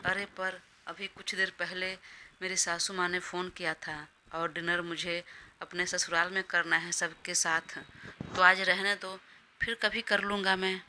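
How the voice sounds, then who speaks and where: A woman's voice: on the low side, level tone, unhurried, noisy background, lightly acted. A woman reading a storybook part, voicing an indulgent male boss who gives in easily but keeps his own plans firm. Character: smooth-talking male boss, indulgent, busy.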